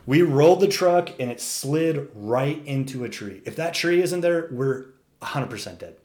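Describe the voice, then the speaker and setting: A young man in casual conversation, recounting a wild adventure with lively energy. He swears freely, peppers his speech with "dude", and slips into quick impressions of the people in the story. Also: medium pitch. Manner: animated, profane, says "dude" a lot, acts out quotes. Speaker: storyteller guest.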